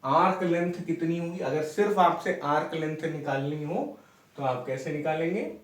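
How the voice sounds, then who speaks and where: Animated man teaching maths, echoey room. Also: fairly high pitch, normal speed, distant mic. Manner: explains step by step, asks "ठीक है?" often. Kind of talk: classroom lecture at a board. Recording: echoey room, mic away from speaker.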